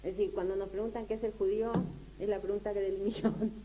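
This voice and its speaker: A Latin American woman gives an informal lecture with audience questions, speaking haltingly, repeating herself often, and checking that listeners understand. Her mellow voice barely moves in pitch, and the rough recording has clear background noise and a low hum.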